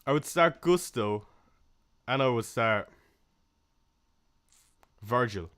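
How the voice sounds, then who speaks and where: Reading viewer comments during a casual fantasy football livestream, this young Irish host from Waterford speaks in a smooth, mid-range voice. He keeps it loose and friendly, dropping quick opinions amid plenty of fillers and small laughs.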